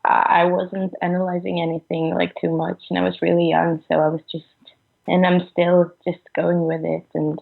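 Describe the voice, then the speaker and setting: A young woman from Sweden, a musician interviewed by phone, speaks in a low, gravelly voice. She answers haltingly, with many fillers, and often trails off. The sound comes through a thin, tinny phone line. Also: flat delivery. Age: 20s. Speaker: musician guest.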